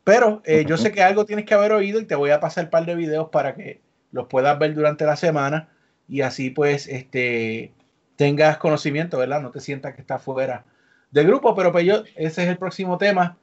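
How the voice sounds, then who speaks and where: A chatty man hosting a casual podcast, keeping the talk moving. His voice sits a bit high for a man. The audio is dull and lo-fi. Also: normal speed. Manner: chatty, upbeat, leading the talk. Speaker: podcast host.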